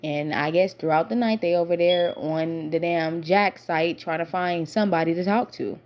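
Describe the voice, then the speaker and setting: A young woman giving a casual reality-show recap in a chatty, slangy, animated storytelling manner. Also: on the low side, moderate pace.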